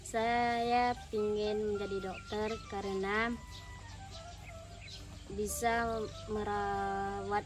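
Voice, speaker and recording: A woman's voice: medium pitch, flat delivery, very slow, pauses often. An eighteen-year-old woman speaking plainly in an interview testimonial. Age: teenager. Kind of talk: casual testimonial. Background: music.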